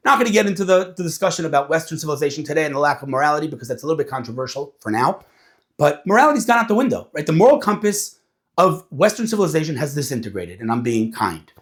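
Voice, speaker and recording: A man speaks in an animated, casual way. His voice sits a bit high and rises and falls a lot as he slips into quoted voices. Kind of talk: casual talk to an audience.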